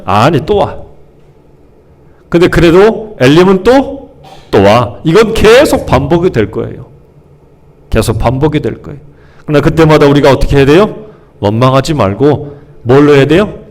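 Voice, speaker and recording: A man preaching a sermon as pastor, who asks the congregation questions and answers them himself, and briefly acts out the grumbling people. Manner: acts out the grumbling crowd with sudden pitch jumps. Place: church sanctuary.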